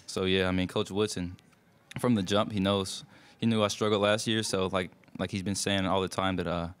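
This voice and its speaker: This young adult college basketball player speaks at a postgame press conference, talking into a table mic in front of a sponsor backdrop. He has a low, clean voice with flat delivery, and his answers are loose, filler-heavy and delivered in quick bursts.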